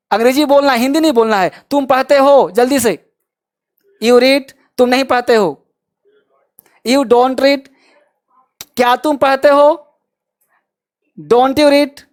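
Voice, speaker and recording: A man teaching spoken English, drilling phrases slowly and repeating them, urging students to answer. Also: extremely high pitch. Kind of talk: Hindi-language English lesson with drills.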